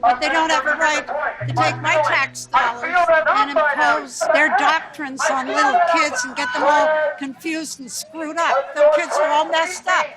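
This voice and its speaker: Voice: sits high, fairly even intonation, unhurried, over loud music, over a noisy crowd, poor audio. A protester speaking indignantly in a street interview.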